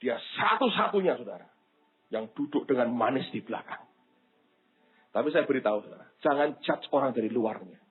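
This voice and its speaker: A man's voice: mid-range voice, lively intonation, a little fast, husky. A man preaching a sermon in with a touch, telling a story and acting out the people he quotes. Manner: storytelling, acts out the people he quotes, addresses the congregation as "saudara". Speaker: pastor. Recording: tinny phone-like sound.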